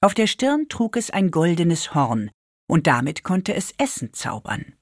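A woman reads a children's story aloud in a low voice that rises and falls a great deal. Her narration is lively and expressive. The recording is dry and close, with no room sound. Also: unhurried, dry recording.

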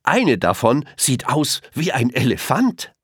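A cheerful, curious storybook elephant, as a man puts him on, lifting his voice brightly to call others over. Friendly and eager, with a lively sing-song lilt. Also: medium pitch, slow pace, slightly rough, no room sound, clean studio sound, voice pushed up, full character voice.

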